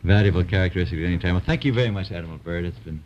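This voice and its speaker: A man puts formal questions to a guest on a 1950s TV broadcast. His voice sits low. The old broadcast audio is dull and lo-fi, with a faint hiss. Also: racing. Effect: old 1950s TV broadcast sound. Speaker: TV interviewer.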